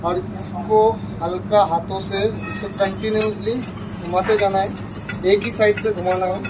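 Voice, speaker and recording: A man's voice: high-pitched, steady tone, background noise. A young man, a chef, giving a plain step-by-step cooking demonstration in a restaurant kitchen, filmed on a phone camera held nearby. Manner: plain step-by-step explaining, unhurried. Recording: distant mic with loud kitchen clatter. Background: kitchen clatter of pots and dishes.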